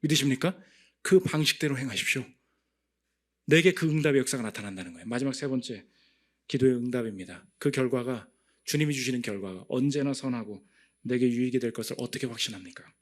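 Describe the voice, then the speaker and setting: A man pastor preaching a Friday prayer meeting sermon in a lively way, acting out inner voices with big jumps in pitch and loudness. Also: fast talker. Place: church.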